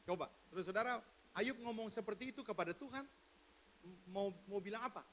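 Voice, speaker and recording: A male pastor preaches in a loose, conversational way, turning often to his congregation. His voice is very high and bright. It sounds talked rather than read. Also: brisk, slight background noise. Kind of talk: sermon.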